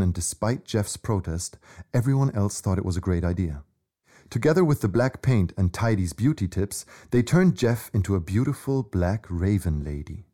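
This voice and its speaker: A man's voice: fairly low pitch, warm tone. A man narrating a scripted children's adventure story.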